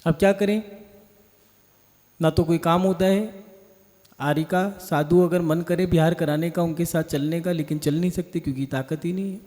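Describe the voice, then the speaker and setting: A man's voice: on the high side, mellow. A man, a Jain monk, giving a Hindi sermon in a conversational way, full of rhetorical questions and everyday examples. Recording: long reverb of a large hall.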